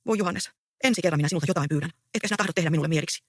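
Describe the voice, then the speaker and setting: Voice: mid-range voice, no room sound, clean studio sound, close to an everyday voice. A reader voicing an earnest, anxious young peasant woman in a stage play read aloud. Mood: pleading. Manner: pleading, earnest.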